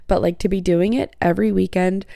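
A woman's voice: lowish voice, fairly even intonation, fairly quick, gravelly, dark tone, dry recording, studio quality. A woman in her twenties hosting a solo podcast, chatty and frank, with many "like" fillers. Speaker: podcast host. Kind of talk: casual solo podcast advice.

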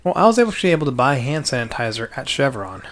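A young man co-hosting a family podcast in casual chat, playful and quick to laugh and mimic. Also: mid-range voice, very animated, a loud crowd. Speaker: podcast co-host.

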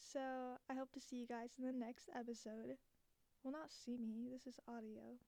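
A nineteen-year-old woman chatting casually and unscripted as a podcast host, giggly and self-deprecating, a little breathy, talking from under a blanket. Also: fairly high pitch, little pitch movement, a little slow, warm tone, no echo. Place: small dorm room, under a blanket. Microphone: cheap basic recording gear, close up.

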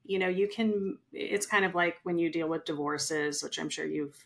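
A middle-aged woman with a low voice and a gravelly, creaky texture. She talks casually in a chatty, animated way about her real estate work. She often slips into the voices of the people she quotes. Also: normal speed. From California. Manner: chatty, animated storyteller who acts out quotes. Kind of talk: casual podcast conversation.

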